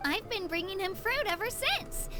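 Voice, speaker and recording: A woman's voice: extremely high pitch, expressive, moderate pace, over loud music. Kachina, a shy, earnest young girl. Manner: gentle, a little self-doubting. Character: cheerful young woman, shy and earnest, fond of a saurian.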